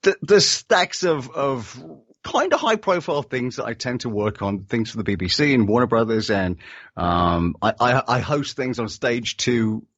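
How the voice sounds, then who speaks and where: A man's voice: mid-range voice, animated, moderate pace, fairly bright tone, no room sound. A middle-aged man with an English accent, a voice actor on a remote call who jokes and mocks himself. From England. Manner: joking, self-mocking, restarts often. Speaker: voice actor guest. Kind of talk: casual interview chat. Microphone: remote video call. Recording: dull lo-fi audio, dry.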